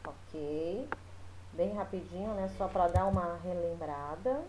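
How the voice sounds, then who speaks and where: A woman's voice: fairly low pitch, noisy background. Woman teacher talking through a lesson. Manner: explains slowly, with frequent fillers. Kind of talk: recorded remote class lesson.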